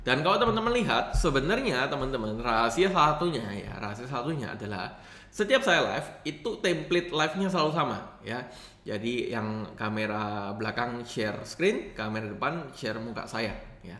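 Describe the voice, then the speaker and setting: A young man hosting a casual tutorial, talking with lively rise and fall and often turning to his viewers. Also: medium pitch, moderate pace. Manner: lively rising and falling intonation, addresses viewers often. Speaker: host of a channel teaching live streaming. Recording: roomy echo.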